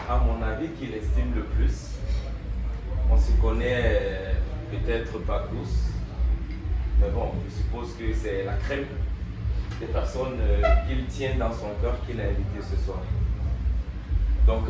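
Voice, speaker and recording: A man acting as master of ceremonies at a birthday party, speaking to the guests over a PA system. He talks haltingly, with many fillers, and repeats words for emphasis. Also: mid-range voice, heavy background noise. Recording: very roomy hall, voice from a distance, loud music.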